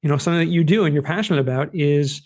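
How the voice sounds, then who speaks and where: Chatty podcast host with Boston accent. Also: male voice, fairly high pitch, rapid-fire, darkish tone. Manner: loose, chatty, with many fillers. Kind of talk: casual interview chat.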